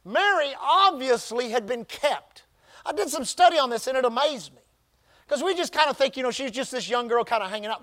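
Preaching in an extremely high, somewhat bright voice, the pastor stretches out key phrases for emphasis. He calls on the congregation to echo his words back in a call-and-response pattern.

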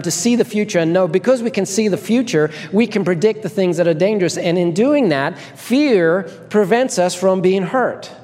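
A man's voice: sits high, darkish tone. A man preaching a sermon in a conversational way, repeating key phrases and checking in with the congregation. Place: large reverberant room, live before a congregation. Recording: reverberant hall.

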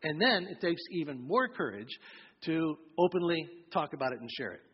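A pastor preaches to his congregation in a slightly high, husky voice. He keeps it conversational and acts out short examples as he goes. The sound is somewhat dull, with a long hall reverb from the church auditorium. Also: very animated, moderate pace. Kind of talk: sermon.

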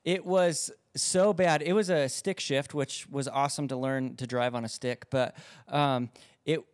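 A man who is a pastor, telling stories in a casual podcast chat with lively delivery. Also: medium pitch, a little slow, no echo, studio quality. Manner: lively storyteller, acts out voices in anecdotes.

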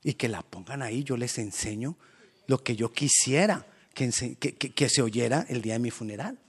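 A man preaching a sermon as pastor, animated and acting out quoted voices. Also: mid-range voice, normal speed, breathy edge.

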